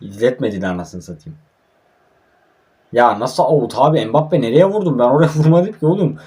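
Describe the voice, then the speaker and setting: A man's voice: mid-range voice, expressive, normal speed, mellow, breathy edge. A young man from Turkey giving casual, frustrated commentary while playing a mobile football game, grumbling and swearing often.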